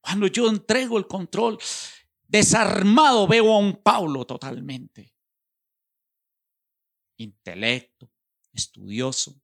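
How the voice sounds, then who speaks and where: Man, preacher mid-sermon, impassioned, unhurried delivery with sudden loud bursts and quiet pleas. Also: medium pitch, gravelly. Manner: impassioned, swinging from loud exclamations to hushed pleas.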